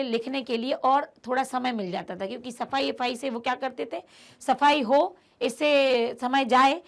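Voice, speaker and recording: A Hindi teacher with a high-sitting, gravelly voice walks her students through a textbook chapter. She addresses them directly, speaking emphatically and repeating key phrases.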